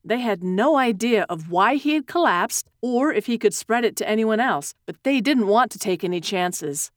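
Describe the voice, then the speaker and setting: Higher-voiced woman reading a story. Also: dry recording, studio quality. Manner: steady, expressive reading that slows at tense moments. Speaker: narrator.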